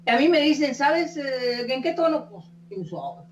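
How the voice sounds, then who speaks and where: Her voice is high, with big pitch swings, and a little slow, on a lo-fi recording from a distance in an echoey room with a faint hum. An older singer, she's being interviewed and spins warm, rambling, folksy stories, full of "¿eh?" tags and repeated words.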